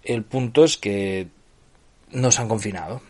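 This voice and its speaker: A middle-aged man with a Spanish accent from Spain talks through a solo podcast episode in a relaxed, explanatory way. His voice sits on the low side, and he often pauses to check that his listeners are following. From Barcelona, Spain. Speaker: podcast host.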